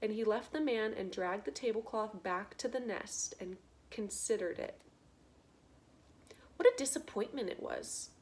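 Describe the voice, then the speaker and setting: A woman reading a children's novel aloud in a slow, gentle, expressive way. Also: medium pitch. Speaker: reader. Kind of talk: storybook read-aloud.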